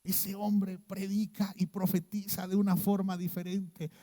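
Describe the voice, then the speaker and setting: A man with a Mexican Spanish accent preaching a sermon as a pastor, telling a story and dropping low and hushed when he mimics someone, often checking in with "¿sí?". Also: little pitch movement, measured pace, in a large hall.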